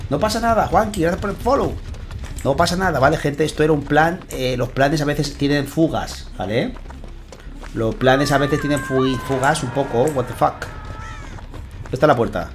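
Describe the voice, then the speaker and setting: A man with a Spain Spanish accent giving chatty, excitable live gameplay commentary, swearing and thanking his viewers. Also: fairly high pitch. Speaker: gaming streamer.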